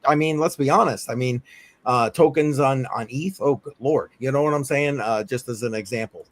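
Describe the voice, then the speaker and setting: A man's voice: mid-range voice, moderate pace. A man with a New England accent hosting a casual crypto livestream chat, rambling and laughing often. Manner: rambling, repeats himself, laughs a lot. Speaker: host.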